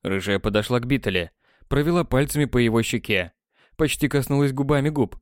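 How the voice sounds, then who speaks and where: A man reading a fantasy audiobook in an even storytelling manner, close to the mic. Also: medium pitch, fairly quick, no echo. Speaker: audiobook narrator. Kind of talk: audiobook narration.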